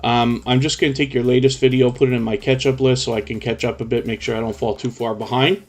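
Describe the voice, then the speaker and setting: A man's voice: medium pitch, level tone, fast. A male live streamer with a mid-range voice, hosting casually and chatting to viewers. He tends to explain things in long, run-on stretches.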